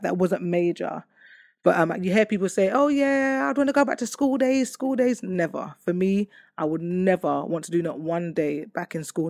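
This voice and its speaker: Candid and reflective, an adult woman recounts her personal testimony, with plenty of fillers and restarts. She speaks loudly in a lowish voice. The recording is clean studio sound, free of room sound.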